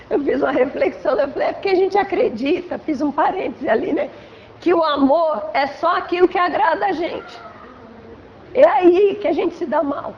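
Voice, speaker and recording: Brazilian woman, spiritual lecturer, high voice, chatty and explanatory, slightly dull lo-fi hall recording. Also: a little hiss or hum. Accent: Brazilian Portuguese. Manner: conversational, frequent "né?" tags, acts out examples. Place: assembly hall of a spiritual center.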